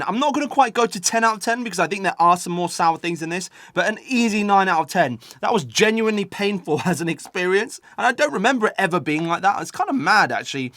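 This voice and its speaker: Bright-voiced British man tasting sour candy. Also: high voice, no echo, clean studio sound. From United Kingdom. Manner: eating sour candy while talking, reacting to the sourness. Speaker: host of a taste-test video. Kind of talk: casual taste-test vlog talking to viewers.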